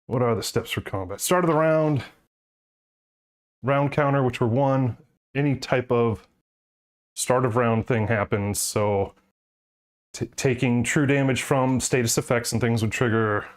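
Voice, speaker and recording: A man's voice: mid-range voice, measured pace, pauses often. Breathless man talking through a board game. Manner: muttering rules to himself, chuckling. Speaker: solo board game streamer. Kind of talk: thinking aloud while playing.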